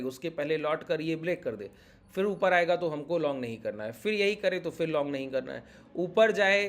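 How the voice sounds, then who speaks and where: A man teaching a trading lesson over a chart, insistent and repetitive, often checking that his point is clear. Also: high voice. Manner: insistent, repeats points, keeps asking if it is clear.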